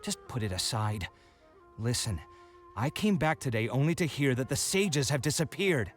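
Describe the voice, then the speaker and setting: An actor playing a proud, hot-tempered young male architect in a video game, indignant and quick to bicker. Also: mid-range voice, expressive, soft background music, lightly acted. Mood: irritated.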